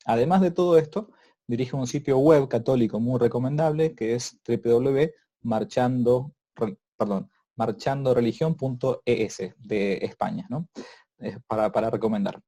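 A man's voice: mid-range voice, moderate pace, dark tone. A man, a priest hosting a casual interview, talking in with many restarts and fillers. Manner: hesitant, many repeated words and fillers. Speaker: host, priest.

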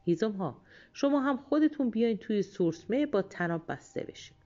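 A woman's voice: fairly high pitch, expressive, warm tone, dull audio, lightly acted. Yemelya, a woman voicing a lazy peasant fool. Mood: commanding. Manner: blunt and sluggish. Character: lazy, cheeky peasant fool, young man.

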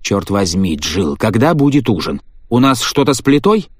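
A man's voice: on the low side, very animated, normal speed, breathy edge, no room sound, clean studio sound. A man reading the part of a cold, impatient scientist husband in an audiobook, speaking curtly and with contempt. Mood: irritated. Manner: curt, impatient, sneering.

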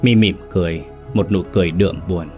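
A man with a very low voice narrates a scripted ghost story in a dramatic, measured way. Faint music plays behind his narration. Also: fairly even intonation, darkish tone.

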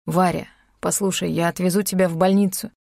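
A woman's voice: lowish voice, level tone, a little fast, gravelly, a little mellow, dry recording, studio quality. A woman reading an audiobook, voicing a nervous man who speaks in clipped, urgent phrases. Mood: worried urgent.

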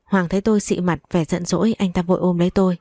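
A woman's voice: lowish voice, steady tone, quick pace, warm tone, no room sound, clean studio sound. A woman narrating a dramatic first-person story. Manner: dramatic, reads dialogue aloud.

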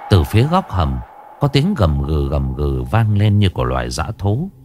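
Lively low-voiced man narrating horror. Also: moderate pace, noisy background. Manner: dramatic, ominous storytelling.

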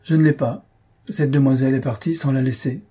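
A man's voice: medium pitch, steady tone, fairly quick, mellow, slightly rough, lightly acted. A man voicing a curt, matter-of-fact male concierge.

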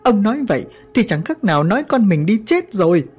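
Narrator doing a distraught village mum, wailing high, pitch leaping about. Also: female voice, very animated, a little fast, darkish tone, husky. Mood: indignant. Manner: wailing, crying out.

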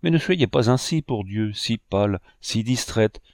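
A man's voice: lowish voice, expressive, measured pace, a little mellow, dry recording, clean studio sound. A man reading aloud, voicing a group of young male painters pleading for forgiveness. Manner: pleading, fervent. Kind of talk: audiobook reading.

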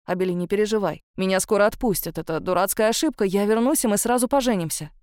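A brash young Frenchman, as a woman reads him, quick with a joke and a grin. Her voice drops a touch for him, and the storybook read is close and dry. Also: medium pitch, clear, resonant tone, no room sound, natural voice. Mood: bewildered. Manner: brash, joking, lively. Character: cocky young Frenchman, cheerful then frightened.

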